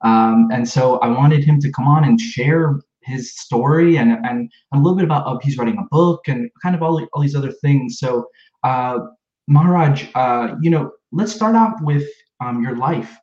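A man's voice: mid-range voice, moderate pace, darkish tone. A man hosting a podcast interview, chatting casually with plenty of fillers and restarts. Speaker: podcast host. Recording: echoey room, slightly dull sound.

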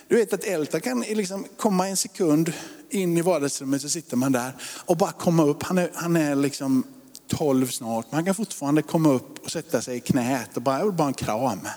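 A man in his forties, a pastor preaching a sermon, rising to loud emphasis and dropping to hushed whispers. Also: fairly high pitch, expressive. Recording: long hall reverb.

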